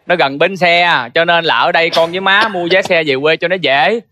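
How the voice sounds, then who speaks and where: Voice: medium pitch, fairly quick, no echo, close to an everyday voice. An actor playing a weary Southern older son. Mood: coaxing. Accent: Southern Vietnamese. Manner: coaxing, exasperated, turns to anguished shouting. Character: dutiful older son, weary but patient. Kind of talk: cải lương stage acting. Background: music.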